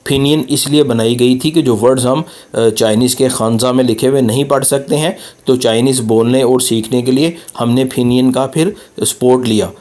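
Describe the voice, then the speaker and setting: A man teaches pronunciation over slides, slowly repeating sounds for practice. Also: medium pitch, a little mellow. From Pakistan. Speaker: language teacher. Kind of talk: slide-based pronunciation lesson.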